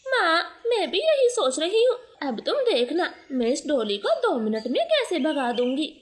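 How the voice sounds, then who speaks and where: A woman voicing a sharp-tongued, scheming mother bird who talks in a shrill, scolding way. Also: big pitch swings, a little slow.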